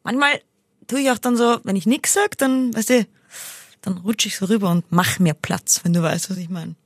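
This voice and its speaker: Woman cohosting a podcast, chatty and animated, dry close sound. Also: normal speed, slightly rough, no room sound. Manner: chatty, animated, breaks into shrill impressions. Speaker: podcast co-host. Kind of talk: casual chat.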